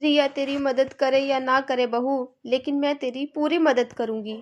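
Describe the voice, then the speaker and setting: A woman's voice: high-pitched, steady tone, normal speed, dull audio, lightly acted. A woman voicing a bossy, complaining middle-aged mother-in-law in a cartoon, nagging and scolding.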